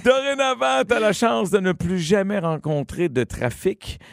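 A man's voice: sits high, expressive, unhurried, dry recording, studio quality, faint music behind. A man with a Quebec French accent co-hosting a podcast, joking around in casual banter. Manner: joking, clowning with funny voices. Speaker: podcast co-host.

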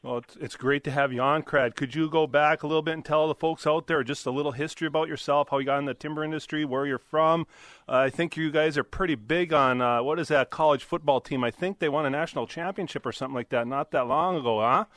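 A man's voice: on the high side, fast, fairly bright tone, no echo. A man co-hosting a radio segment, talking in a chatty, jovial, rambling way. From Minnesota. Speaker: segment co-host. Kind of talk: casual radio talk.

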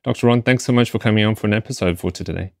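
This is a man hosting a podcast, introducing his guest and then asking questions in a friendly, conversational way. His voice is low and gravelly. It is recorded dry and close. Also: rapid-fire, dry recording. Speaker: podcast host. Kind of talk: podcast interview.

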